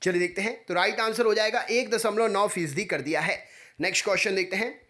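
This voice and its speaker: A man teaching exam preparation, reading quiz questions and answers in a brisk, repetitive way. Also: high voice, sharp tone.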